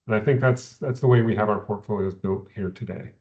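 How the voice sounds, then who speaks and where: Guy on a video call, dull muffled audio, steady adviser explaining stuff, repeats words a lot. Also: fairly low pitch. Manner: measured, explanatory, with repeated words at phrase starts. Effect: heard over a video call. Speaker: investment adviser. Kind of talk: explaining economics in a recorded company Q&A.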